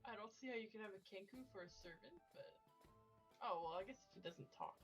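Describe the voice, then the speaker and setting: A woman with a medium-pitched voice banters as a player in a tabletop game. Her delivery is casual and wry. Faint music plays behind her. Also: quick pace.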